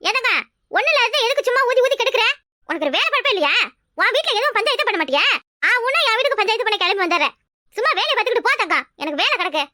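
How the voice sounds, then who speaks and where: A woman's voice: very high-pitched, sing-song, racing, bright, forceful tone, no echo, studio quality, heavily acted. Woman doing a curt Kanyakumari village wife. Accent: Kanyakumari Tamil. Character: weary young village wife, patient but firm.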